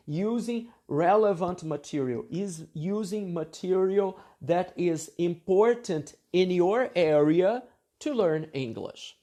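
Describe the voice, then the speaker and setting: Lecturing from his own article and adding commentary, a university English teacher from Brazil talks slowly and deliberately. His voice is high-pitched with a warm tone, and he often uses fillers and checks such as "okay?".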